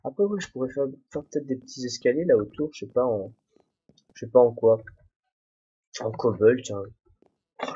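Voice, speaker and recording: A man's voice: medium pitch, dark tone, slightly rough. Rambling young man in muffled recording. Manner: rambling, self-mocking, talks to himself. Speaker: let's play host. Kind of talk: casual solo gameplay commentary. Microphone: desk microphone, no headphones. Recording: dull, muffled home recording.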